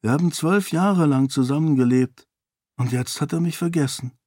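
A grieving exiled mother, voiced by a man, speaks softly and sadly. The voice sits higher than the reader's own and stays gentle and subdued. It is recorded dry and close, with no room sound. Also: moderate pace, dry recording, close to an everyday voice. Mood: wistful. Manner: soft, sorrowful. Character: grieving woman, exiled mother, sad and quiet.

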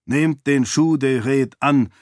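A man voicing a stern, cunning male warrior priest with a slight foreign accent, speaking calmly and condescendingly. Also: medium pitch, dry recording, clean studio sound, lightly acted. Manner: calm, measured, condescending.

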